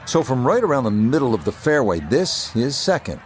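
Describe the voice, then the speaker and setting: A man playing a TV golf commentator, giving measured, descriptive play-by-play calls of each shot in a video game broadcast. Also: mid-range voice, big pitch swings, a little hiss or hum, close to an everyday voice. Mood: composed, approving. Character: male TV golf play-by-play announcer.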